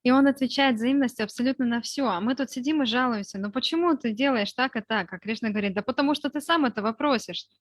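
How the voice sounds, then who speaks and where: A woman giving a live spoken translation, interpreting a talk phrase by phrase over a video call, in measured short chunks with hesitation fillers. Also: fairly high pitch, dry recording, clean studio sound. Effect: live spoken translation, voiced over the speaker's talk. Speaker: consecutive interpreter into Russian. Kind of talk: consecutive interpretation.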